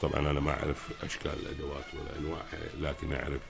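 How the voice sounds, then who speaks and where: A man with a Kuwaiti Gulf Arabic accent explaining things as a guest expert on a radio talk, pausing to search for words. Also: a bass voice, completely flat delivery, creaky, over music.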